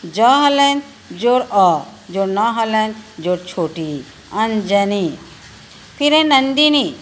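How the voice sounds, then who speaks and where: In a recorded children's lesson, a woman teacher with a Bihari Hindi accent patiently spells out letters one at a time. Her voice sits on the high side, with a faint hiss or hum in the background.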